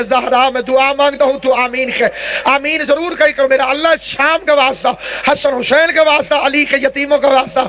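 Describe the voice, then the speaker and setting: A man's voice: very high voice, sharp tone. A man preaching a mourning sermon at a religious gathering, in impassioned, lamenting oratory that breaks into sung verses.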